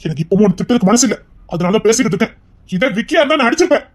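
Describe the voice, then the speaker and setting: A man's voice: high voice, sing-song, racing. A man with a Tirunelveli accent playing a stern elder brother who lectures his younger brother firmly in a family drama. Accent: Tirunelveli Tamil. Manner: firm, lecturing.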